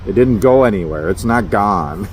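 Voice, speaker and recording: Speaking fairly low and animated at a moderate pace, a middle-aged man from Minnesota talks casually to camera from his parked truck at a rest area. The trucker vlogger has a Minnesotan accent and rambles along, chuckling often at his own expense. Slight background noise is audible.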